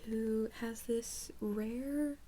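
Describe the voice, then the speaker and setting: A young woman in an ASMR role-play as a librarian, speaking in a soft, halting soft voice. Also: on the high side, fairly even intonation, slight background noise. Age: young adult. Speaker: ASMR creator playing a librarian.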